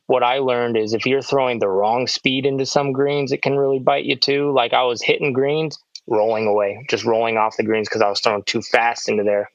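A man's voice: mid-range voice, no echo. Laid-back man in a dull, dry recording. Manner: relaxed, rambling recap with many "like" fillers. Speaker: pro disc golfer, podcast co-host. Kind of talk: casual chat.

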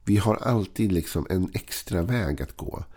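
A middle-aged man giving an earnest, slow-paced daily devotional with occasional chuckles. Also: low voice, animated, warm tone, slightly rough. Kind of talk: devotional talk.

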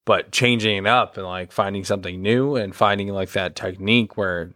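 Young man, podcast co-host, casual rambling chat, lowish voice, dry close sound. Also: normal speed, no echo. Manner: relaxed, filler-heavy rambling.

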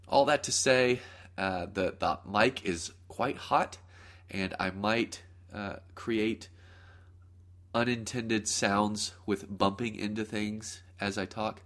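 Male podcast host, lowish voice, nasal from a cold, casual rambling teacher, close mic. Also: takes it slowly, a bit bright. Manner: rambling, self-correcting, fillers. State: congested from a cold.

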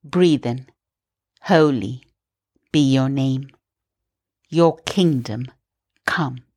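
Low calm woman leading a breathing prayer, takes it real slow. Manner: slow, soft, calm guiding. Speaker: meditation host. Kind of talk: guided prayer meditation.

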